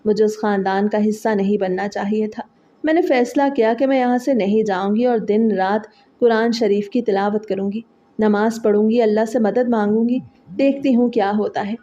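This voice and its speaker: A woman tells a dramatic story in the first person, earnest and full of feeling. Her voice is mellow and warm. The recording sounds slightly dull and lo-fi. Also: mid-range voice.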